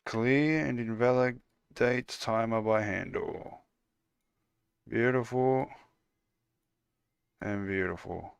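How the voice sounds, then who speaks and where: An Australian man chatting casually with viewers while building his game on a livestream, relaxed and full of "uh" fillers. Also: lowish voice, slow pace, vocal fry, pauses often, clean tone, dry recording. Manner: relaxed, lots of "uh" fillers, calls viewers "mate".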